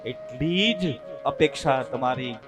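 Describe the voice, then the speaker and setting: A man, telling a religious katha story in an animated way and addressing his listeners directly. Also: medium pitch, slow pace, over loud music.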